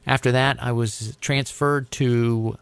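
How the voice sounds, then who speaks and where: A middle-aged American air traffic controller explains his career in an informal interview, speaking conversationally and often repeating words as he thinks. His mid-range voice is gravelly yet smooth, slow and fairly even in intonation, with no room sound.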